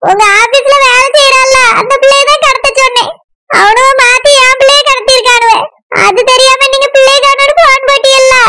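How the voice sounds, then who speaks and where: A woman's voice: extremely high pitch, sharp tone. A woman voicing a desperate older mother who begs her daughter's in-laws for forgiveness in a Tamil cartoon. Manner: begs and repeats terms of respect.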